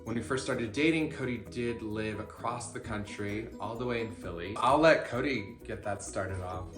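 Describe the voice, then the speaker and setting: A man's voice: fairly low pitch, normal speed. A man co-hosting a couple's vlog, chatting casually in an upbeat, playfully teasing way. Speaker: co-host of a couple's channel. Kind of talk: casual chat. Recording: echoey room, faint music.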